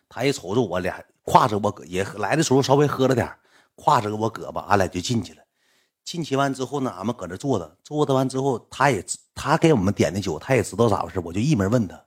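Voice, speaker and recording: A man in his twenties with a Northeastern Chinese accent, telling a personal story in a casual, animated way, often dropping to a hushed voice to quote others. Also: on the low side, husky. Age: 20s.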